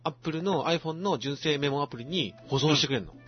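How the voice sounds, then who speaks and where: A man's voice: a little high, a little fast. A man hosting a podcast, chatting casually and demonstrating things as he talks. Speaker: podcast host. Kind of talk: casual chat. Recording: lo-fi podcast audio with faint music.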